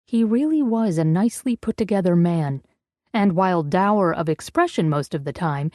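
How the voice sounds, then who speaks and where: A woman narrating an audiobook in a measured, even storytelling manner. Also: medium pitch, no room sound, clean studio sound. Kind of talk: scripted narration.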